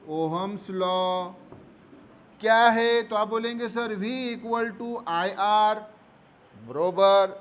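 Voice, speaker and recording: Slow-talking, high-voiced male physics teacher. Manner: patient, addresses students fondly, answers his own questions. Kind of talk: board lesson. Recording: faint background noise.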